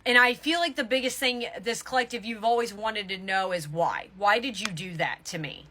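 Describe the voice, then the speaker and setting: Over a noisy background, a medium-pitched woman reads tarot for viewers in a casual way. Her delivery is emphatic and halting, with frequent mid-thought self-corrections.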